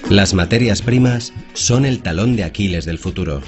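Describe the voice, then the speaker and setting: A man reading scripted documentary narration in an even, composed delivery. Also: low voice, moderate pace, over music.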